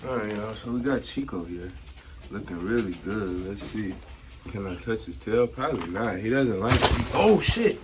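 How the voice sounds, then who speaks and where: A man's voice: fairly low pitch, normal speed. Slangy American man vlogging, noisy audio. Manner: informal, slangy, addresses viewers directly. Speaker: animal vlogger. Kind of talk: casual vlog chat to viewers. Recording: noisy on-location handheld vlog audio.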